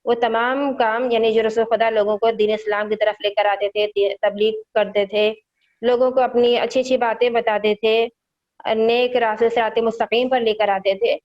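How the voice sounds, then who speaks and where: A woman's voice: a little high, little pitch movement, normal speed. A woman teaching young children how to read the Quran, patiently repeating each point and quizzing them, heard over a dull, lo-fi online call.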